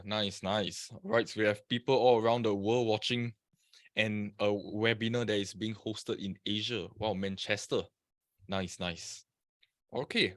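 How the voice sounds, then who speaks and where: A man's voice: on the low side, fairly bright tone, no room sound. Male webinar presenter from Singapore, casual and chatty, greets viewers by name, dry computer-mic sound. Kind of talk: live webinar talk.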